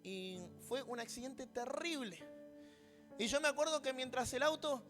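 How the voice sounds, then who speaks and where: A man's voice: very high-pitched, normal speed, a bit bright, soft background music. A man preaching a sermon with a Rioplatense accent, mixing a personal story with humorous asides and acting out voices. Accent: Rioplatense Spanish. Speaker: pastor.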